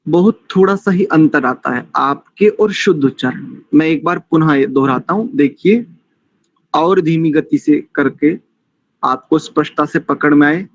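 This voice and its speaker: A man teaching mantra recitation, chanting each verse slowly and deliberately before explaining the correct pronunciation. His voice sits a little high for a man and sounds dull and lo-fi. The recording is dry. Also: no room sound. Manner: admonishing, didactic.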